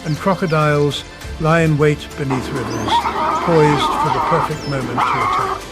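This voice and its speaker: A man narrating a nature documentary from a script in a dramatic, measured, portentous way. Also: fairly high pitch. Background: music.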